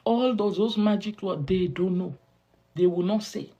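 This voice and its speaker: A woman's voice: mid-range voice, measured pace, mellow, highs cut off. A woman teaching in a sermon style, stressing points by repeating key phrases and stretching words in a preaching rhythm. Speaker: women's ministry teacher.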